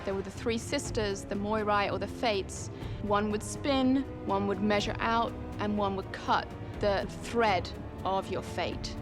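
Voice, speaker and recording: A woman explaining as an academic expert in a documentary interview, with precise, measured phrasing. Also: medium pitch, fairly even intonation. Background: music.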